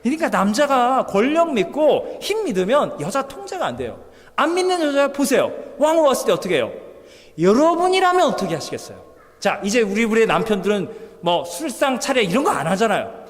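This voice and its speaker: High-voiced animated male pastor preaching. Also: brisk. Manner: animated, voices characters in quotes, swings from loud to soft. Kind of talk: lively sermon with acted-out quotes. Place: church hall. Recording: long church hall reverb.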